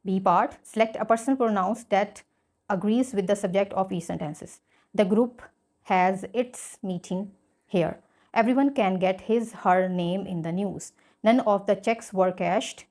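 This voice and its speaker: A woman's voice: medium pitch, darkish tone. A woman teacher explaining a school English lesson, reading example sentences aloud and then explaining them in Hindi-Urdu.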